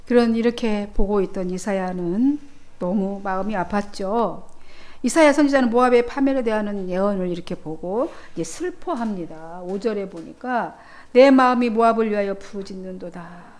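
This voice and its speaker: A woman's voice: medium pitch, normal speed, a little mellow. A woman pastor preaching a sermon in a church, emphatic and swelling then dropping in volume.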